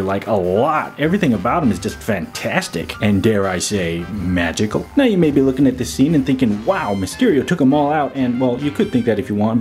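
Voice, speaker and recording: Hosting a casual, jokey action figure review, a toy reviewer plays around and invents silly words as he goes. His voice is warm and medium in pitch.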